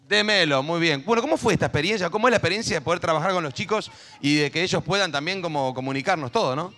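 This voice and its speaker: Chatty stage host with a bright voice. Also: male voice, fast talker. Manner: chatty and jokey, mixing shouted cheers with low asides. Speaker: event host. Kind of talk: stage hosting, chatting with teachers and kids. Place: stage at a school event.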